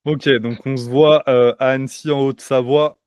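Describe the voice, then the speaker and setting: A man's voice: mid-range voice, normal speed, smooth, no room sound. Guy hosting a chill podcast, lots of euh and restarts, dry close sound. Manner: relaxed, many fillers and restarts. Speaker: podcast host. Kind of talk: casual podcast chat. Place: home by the sea.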